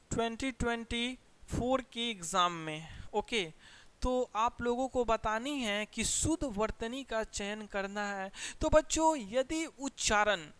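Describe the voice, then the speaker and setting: High, clear-voiced young Bihari Hindi teacher. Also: male voice. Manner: energetic, repeats phrases and quizzes students. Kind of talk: exam prep lesson.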